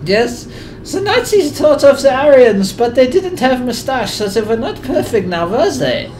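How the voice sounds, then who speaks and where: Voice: high voice, big pitch swings, normal speed, a little mellow, voice pushed up. A gamer voicing an eccentric male scientist with a mock German accent, rambling mock-earnestly over a let's play. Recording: home recording with clear background noise.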